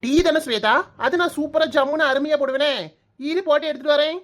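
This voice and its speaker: A woman's voice: high-pitched, fairly even intonation, fast, lightly acted. A woman voicing a cheeky, lazy young daughter-in-law in a comic cartoon, teasing her in-laws in a Kanyakumari Tamil accent. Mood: breezy. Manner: teasing, mocking, brash.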